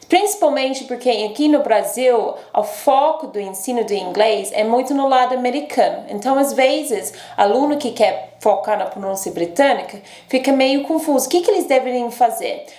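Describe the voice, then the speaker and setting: A woman's voice: a little high, lively intonation, moderate pace, warm tone, reverberant. A woman from London, a native English speaker with an English accent, teaching an online English lesson in Portuguese and checking in with "ok?" as she explains. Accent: English, close to RP, speaking Portuguese as a second language. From England, London. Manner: explains patiently, often checks in with "ok?".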